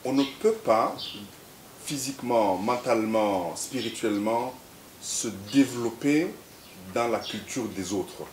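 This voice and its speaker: A man from Central Africa, an interview guest who talks haltingly, repeating words, then tells stories in a measured way. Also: mid-range voice, animated. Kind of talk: reflective conversational interview. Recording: echoey room with faint hiss.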